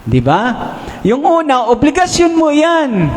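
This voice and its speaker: A man with a Filipino accent preaching in a church, his voice sitting high and his delivery unhurried. Key lines are drawn out slowly, the pitch swinging up and down. The sound rings with the long reverb of a large room. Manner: animated, swings pitch up and down, drawn-out emphatic English phrases. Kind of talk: sermon. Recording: echoey hall, long reverb.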